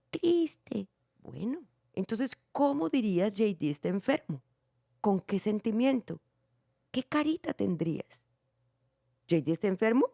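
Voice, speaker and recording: Middle-aged woman, podcast host and theater director, gravelly, animated storyteller, dry sound. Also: medium pitch, no echo. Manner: animated, acts out quotes with shifting voices. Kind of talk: casual family podcast chat.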